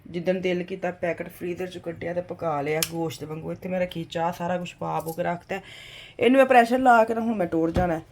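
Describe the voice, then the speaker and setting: A middle-aged woman with a Punjabi accent narrating a home vlog voice-over, speaking softly through a sore throat, chatting directly to her viewers. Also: fairly low pitch, a little fast, a little hiss or hum. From Pakistan. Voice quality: hushed, softly spoken. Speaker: vlogger. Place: home kitchen.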